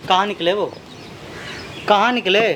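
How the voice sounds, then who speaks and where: A man's voice: high voice, a little slow, a bit bright, a little hiss or hum. A man acting a pushy male stranger in a comedy skit, bossy and insistent as he orders a rude wife around.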